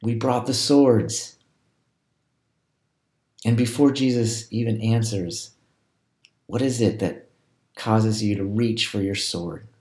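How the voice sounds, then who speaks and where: A man leading a guided scripture meditation, reading a passage and then asking reflective, gentle questions. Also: fairly low pitch, steady tone, measured pace. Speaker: prayer leader. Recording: roomy echo.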